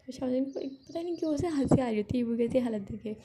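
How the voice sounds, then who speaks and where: A woman's voice: high voice, expressive, fast talker, very noisy. A woman casually retelling a fan fiction story, chatty, often correcting herself mid-sentence. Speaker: narrator.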